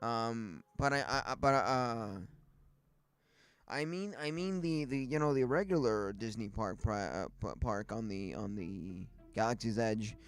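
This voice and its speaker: A man's voice: mid-range voice, animated, measured pace, smooth, dry recording. A man hosting a casual livestream chat, rambling with lots of fillers and restarts, faint music behind him. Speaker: livestream host.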